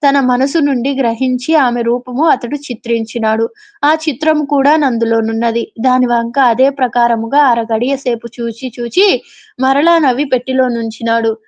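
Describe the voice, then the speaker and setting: A woman reading an old literary novel aloud as a storyteller, stopping now and then to explain in plain talk. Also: fairly high pitch. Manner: reads old literary prose, adds casual explanations. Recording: dull lo-fi audio.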